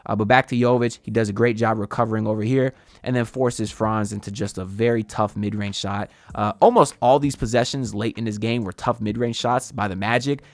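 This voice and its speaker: A man's voice: on the low side, fairly quick, no room sound. Guy doing a hoops film breakdown, gets hyped on big plays, dry close mic. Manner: animated, builds excitement over big plays. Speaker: basketball film analyst.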